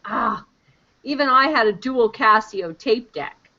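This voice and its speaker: A chatty woman talks slowly, her voice rising and falling widely as she muses and drifts into fillers. The audio is dull and lo-fi, like a home live stream. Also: fairly high pitch, lively intonation, sharp tone, slight background noise. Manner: unhurried and chatty, trails off with fillers, laughs easily. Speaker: podcast co-host. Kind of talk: casual chat about a TV episode.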